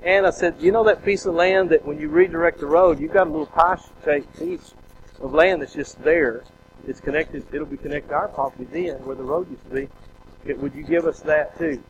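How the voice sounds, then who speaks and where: Man, preacher, folksy storytelling, fillers and restarts, slightly higher voice. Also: brisk, muffled recording, background noise. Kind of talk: storytelling testimony.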